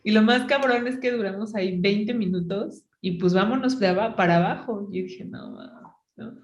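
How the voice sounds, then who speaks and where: A woman's voice: medium pitch, fairly quick, echoey room, lo-fi sound. A woman with a Mexican accent hosting a podcast, chatting casually and filling her story with "o sea" and "¿no?". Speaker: podcast host. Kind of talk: casual chat.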